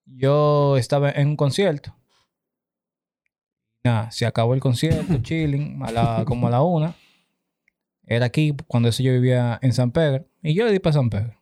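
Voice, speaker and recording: A young man with a Dominican accent telling a story to friends in casual slang, in an animated, exclamatory way. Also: medium pitch, moderate pace, long pauses.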